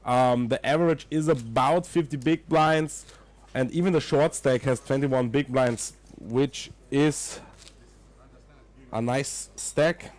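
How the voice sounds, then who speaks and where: Speaking slowly in a medium-pitched, slightly mellow voice, a young man from Austria narrates a poker livestream and chats with viewers. English isn't his first language; his Austrian German accent shows, and now and then he hunts for the right word.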